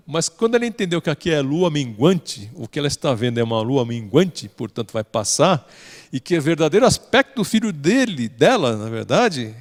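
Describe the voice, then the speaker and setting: A man with a Brazilian Portuguese accent teaching a religious study lesson as a story, often ending phrases with a questioning "né?". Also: on the high side. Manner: tags sentences with a questioning "né?". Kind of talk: storytelling lecture. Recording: long hall reverb.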